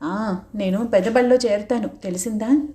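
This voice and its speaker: A woman's voice: medium pitch, normal speed, warm tone, close to an everyday voice. A woman reading the curt, defiant lines of a touchy ten-year-old girl in an audiobook novel.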